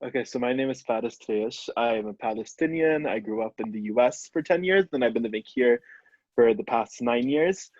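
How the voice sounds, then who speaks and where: A man's voice: medium pitch, fairly quick, darkish tone, no echo. Earnest young man on dull lo-fi audio. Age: young adult. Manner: earnest, enthusiastic. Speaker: photojournalist, co-editor. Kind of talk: video call panel introduction.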